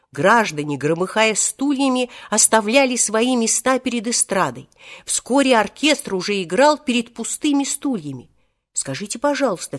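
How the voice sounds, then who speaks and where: A woman narrating a children's tale as an expressive, lively audiobook reader. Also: fairly high pitch.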